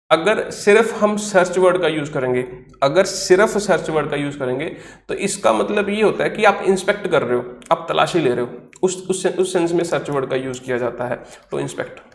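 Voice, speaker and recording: High-voiced man teaching vocabulary. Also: normal speed, reverberant. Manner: explains step by step, asks questions and answers them himself; spells words out letter by letter. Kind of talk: online class lecture in Hindi.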